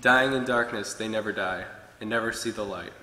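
A man's voice: fairly low pitch, brisk, bright, forceful tone, a little hiss or hum. A young man preaching a short sermon from a pulpit, earnestly reading from his notes. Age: young adult. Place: church hall with wood-paneled walls. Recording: echoey hall with long reverb.

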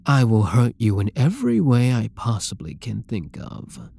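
Playing a dominant, obsessive supervillain who taunts a captured hero, a man delivers a scripted ASMR roleplay monologue in a full character voice. His medium-pitched, breathy, husky voice has a dark tone and wildly swooping pitch. The mood is menacing, the pace slow and possessive, with frequent drops to a whisper.

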